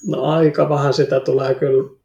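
A man's voice: a little high, little pitch movement, vocal fry, mellow, dull audio. A man speaking as a podcast guest, with brief, matter-of-fact answers. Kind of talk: casual chat. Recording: roomy echo.

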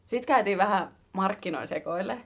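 A young woman co-hosting a podcast, chatting casually and telling stories with laughter and slangy swearing. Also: medium pitch. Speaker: podcast co-host. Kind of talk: casual chat.

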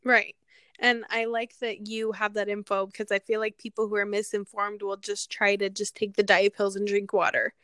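A woman's voice: mid-range voice, flat delivery, normal speed, a bit bright, clean tone, no room sound, studio quality. A young woman hosting a casual home podcast, chatty and giggly as she asks her guest questions. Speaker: podcast host.

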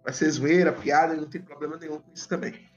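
Lispy man hosting a podcast, higher-pitched voice. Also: fairly even intonation, quick pace. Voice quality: tongue-tied lisp with slushy s. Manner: stumbles over and repeats words, self-deprecating. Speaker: podcast host. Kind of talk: casual podcast chat. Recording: dull lo-fi audio, background music.

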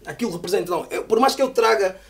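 A middle-aged man, a rapper being interviewed, tells stories casually in slang, animated and reflective, often adding short check-in phrases. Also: high-pitched, very fast, creaky. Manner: animated, reflective, peppered with "yeah" and "estás a ver". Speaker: rapper interviewed about his albums. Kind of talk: casual conversational storytelling with slang.

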